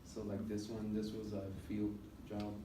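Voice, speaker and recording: A young adult college student from the US delivers a casual class presentation in a fairly low, monotone voice. He hesitates often, filling gaps with ums, and the distant recording picks up an echoey classroom with plenty of background noise.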